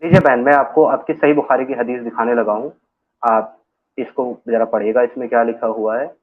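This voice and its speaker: A man hosting and moderating a live debate, calm and persistent as he repeats his questions. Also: medium pitch, fairly quick. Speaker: host and moderator. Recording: phone-like narrow audio.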